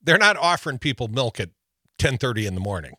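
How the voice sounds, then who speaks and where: A man's voice: medium pitch, sing-song, fast talker, pushed and bright, breathy edge, dry recording, studio quality. A man from Wisconsin co-hosting a political talk show, reading news items aloud with wry, joking asides. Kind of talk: casual political banter.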